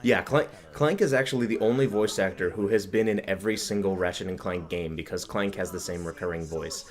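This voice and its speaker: Low-voiced man explaining a game. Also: brisk. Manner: chatty, explains game mechanics, laughs a lot. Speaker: let's play host. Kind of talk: casual gaming commentary.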